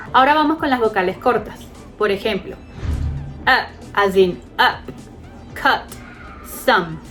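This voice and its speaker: A woman giving an online English lesson, explaining step by step and slowly sounding out English example words. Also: a little high. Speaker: English teacher.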